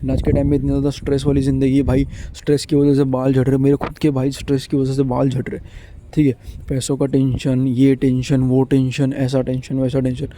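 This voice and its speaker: Earnest young man, dark mellow voice. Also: mid-range voice, monotone, fairly quick. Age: 20s. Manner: earnest, repetitive, mixes Hindi with English. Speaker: vlogger. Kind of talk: casual motivational monologue.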